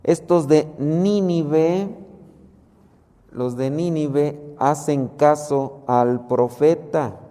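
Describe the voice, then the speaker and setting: Male preacher, mellow tone, measured sermon delivery, long hall reverb. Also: fairly high pitch. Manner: slow, measured explaining of scripture.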